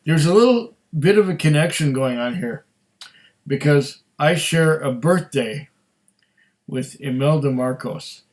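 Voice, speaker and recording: A middle-aged man hosts a casual whisky tasting, his voice a little high and darkish, animated but at a measured pace. As a whisky reviewer he rambles and chats, restarting his sentences often.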